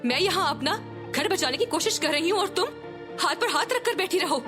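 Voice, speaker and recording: A bossy, scheming older sister with a high voice who presses and coaxes until she gets her way. Music plays clearly behind her. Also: animated, fairly quick. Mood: insistent. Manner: persuasive, insistent, bossy. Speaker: elder sister. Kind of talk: dubbed TV drama.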